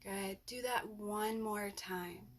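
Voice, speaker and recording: Soft and soothing, a woman instructor talks listeners through a guided yoga nidra relaxation, pausing at length. Her mid-range voice holds a steady tone.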